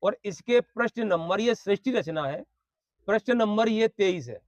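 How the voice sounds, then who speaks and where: A man's voice: high-pitched, animated, unhurried, no room sound. A man playing an assertive, lecturing book stall volunteer. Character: assertive male follower defending a book. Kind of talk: staged street argument skit.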